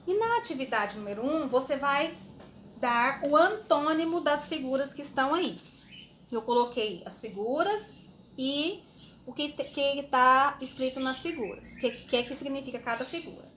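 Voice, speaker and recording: A woman teacher explaining a homework sheet to young children, slowly and patiently, with fond little words. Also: high-pitched, animated, fairly bright tone, slight background noise. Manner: slow, patient, uses diminutives. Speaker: schoolteacher.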